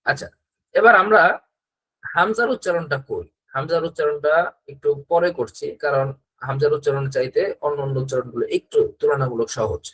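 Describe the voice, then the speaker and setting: A man teaching Quran reading in an online class, slowly drilling letter sounds over and over and pausing to explain. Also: fairly high pitch, a bit bright. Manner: slow repetitive drilling with short explanations.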